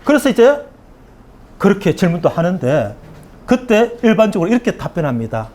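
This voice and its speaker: Lively conversational male preacher. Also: high voice, normal speed. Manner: conversational preaching with acted everyday dialogues. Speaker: pastor. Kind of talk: sermon. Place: church hall with congregation.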